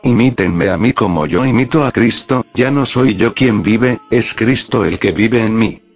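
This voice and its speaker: A man's voice: on the low side, a little slow, soft background music. A man delivering an earnest sermon reflection, emphatic, sometimes acting out the words he quotes. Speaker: preacher.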